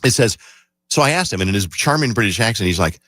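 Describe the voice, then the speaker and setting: A man's voice: fairly low pitch, expressive, fast, pushed and bright, no echo. A middle-aged man hosting a morning radio show, chatty and playful. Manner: playful, bursts into silly singing.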